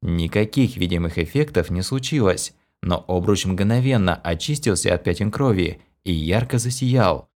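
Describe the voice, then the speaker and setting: A man reading a first-person fantasy audiobook with intense drama. His voice sits fairly low but swings widely in pitch as the tension rises. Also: animated, moderate pace, few pauses, darkish tone. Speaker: narrator.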